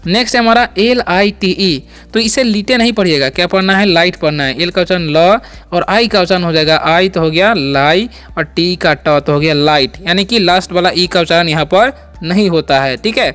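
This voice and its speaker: A young man with a high, clear and smooth voice leads an English pronunciation lesson. He repeats each word and asks the listener questions along the way. Soft music plays in the background. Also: moderate pace. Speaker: English teacher. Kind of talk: spoken language lesson.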